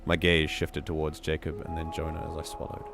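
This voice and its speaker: A man hosting a reading stream, reading a community story aloud in a measured way with joking asides. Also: very deep voice, completely flat delivery, creaky, music in the background.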